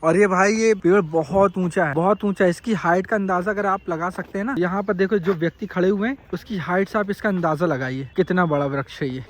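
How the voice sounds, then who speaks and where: A man's voice: high voice, brisk, hardly any pauses. A man filming a casual travel vlog outdoors on a phone, chatty and addressing viewers as brother. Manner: chatty, often says "bhai" to viewers. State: slightly tired from climbing. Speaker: travel vlogger. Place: outdoors in parks and streets.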